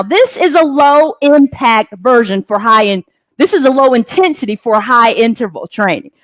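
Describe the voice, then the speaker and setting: A woman's voice: high-pitched, no echo. A woman fitness instructor leading a guided workout, calling out moves with upbeat encouragement. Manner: upbeat coaching cues with encouragement.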